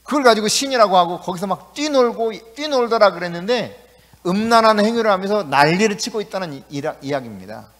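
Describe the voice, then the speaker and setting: A male pastor preaching a sermon in a lively, conversational way in a church. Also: high-pitched, fairly quick. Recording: echoey church hall.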